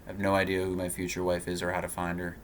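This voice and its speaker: Halting, rambling man in his thirties. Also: sits low, monotone, a little hiss or hum. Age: 30s. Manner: halting and rambling, full of fillers and restarts. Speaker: vlogger. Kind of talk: personal vlog monologue.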